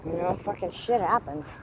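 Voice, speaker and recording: A woman's voice: medium pitch, a little mellow, slight background noise. Profane ranting woman outdoors. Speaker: vlogger. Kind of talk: casual walking vlog. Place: outdoors in a cemetery.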